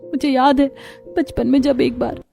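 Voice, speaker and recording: Teen girl in a cartoon, neglected and pleading, voiced by a woman, mellow tone, faint music behind. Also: high-pitched, level tone, moderate pace, gravelly. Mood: hurt. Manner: pleading, hurt tone. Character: 17-year-old girl, neglected and longing for love. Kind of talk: cartoon voice acting.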